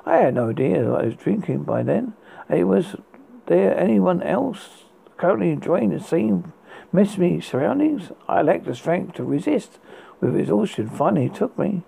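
A horror host reading dark gothic tales in a raspy, gravelly voice, dramatically but haltingly, with stumbles and repeated words. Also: mid-range voice, very animated, rough recording.

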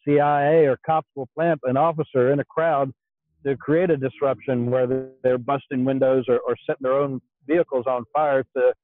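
A man's voice: mid-range voice, little pitch movement, dry recording. Man on a glitching, cutting-out call line. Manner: halting, with many uh fillers and restarts. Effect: choppy audio cutting out over a call connection. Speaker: guest. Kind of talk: casual interview over an online call. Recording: dry, phone-like call audio that keeps cutting out.

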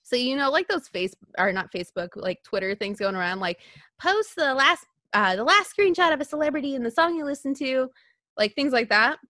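Lively high-voiced woman, laughing along. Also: brisk, no echo. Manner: laughing, awkward, animated reactions. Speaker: podcast co-host. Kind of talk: casual chat.

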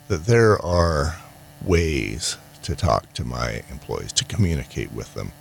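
A middle-aged man with an extremely low voice talks off the cuff in a casual, rambling monologue. He is halting and reflective, pausing often as he feels his way through each thought, with clear ambient noise behind him. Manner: halting, reflective, trails into pauses. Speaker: solo podcast host and small business owner.

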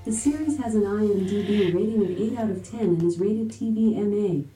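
A synthetic female voice assistant answering questions in even, scripted phrases. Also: medium pitch, a little fast, echoey room, soft background music, rough recording. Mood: flat. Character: female smart-speaker voice assistant. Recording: smart speaker heard from across the room.

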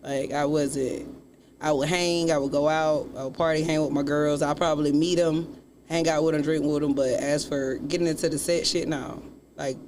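A woman's voice: sits low, fairly even intonation, moderate pace, noisy background. A woman guest on a casual podcast, rambling animatedly through her story.

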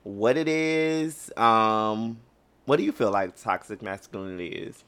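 A man's voice: lowish voice, lively intonation, unhurried, a bit bright, clean tone. A young man co-hosting a casual podcast, talking bluntly and passionately with plenty of swearing. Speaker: podcast co-host.

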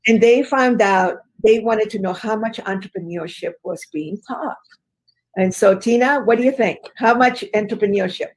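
A Chilean woman with a medium-pitched voice, speaking at a moderate pace, is a guest in an interview and works as a business educator. She tells her life story earnestly and emphatically with frequent fillers, and the audio quality is poor.

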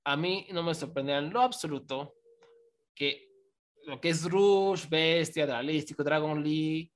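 Man, slightly high pitch, opinionated, casual podcast talk, question tags. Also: unhurried. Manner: opinionated, often ends phrases with a questioning tag. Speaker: wrestling podcast co-host.

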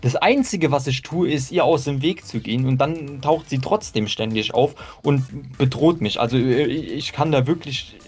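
A man's voice: medium pitch, moderate pace, few pauses, a little mellow, husky, faint music behind. A man playing a character in a tabletop role-play, hesitant and stammering while he argues back. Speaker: player.

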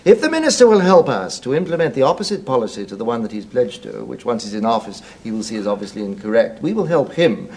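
A suave upper-class civil servant. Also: male voice, medium pitch, big pitch swings, brisk, hardly any pauses, darkish tone. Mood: lecturing smugly. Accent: English upper-class. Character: suave senior male civil servant, smugly explaining.

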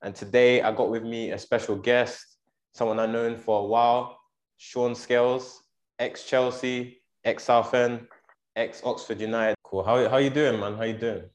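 A man's voice: mid-range voice, fairly even intonation, moderate pace. A man hosting a casual interview chat in a laid-back, slangy way. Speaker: podcast host, former academy footballer.

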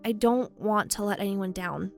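A timid young student, as a male narrator voices her, meek and easily flustered. She speaks high and halting, with a faint gravelly edge and faint music behind. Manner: hesitant, halting and apologetic.

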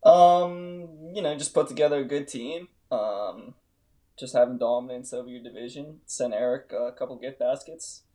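A man's voice: medium pitch, normal speed, mellow. A man chatting casually as an interview guest, cocky and tongue-in-cheek. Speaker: guest league member being interviewed. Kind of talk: casual chat.

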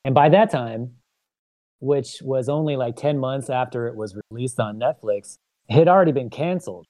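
A man's voice: mid-range voice, dark tone, no echo. A man on a podcast, talking casually and eagerly, with frequent fillers and restarts. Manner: enthusiastic, halting with fillers. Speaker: podcast co-host. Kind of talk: casual chat.

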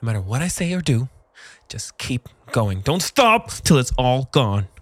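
A man's voice: mid-range voice, sing-song, unhurried, slight background noise. A man playing a weary, desperate man in his thirties, pleading urgently in a script reading. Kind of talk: comedy script table read.

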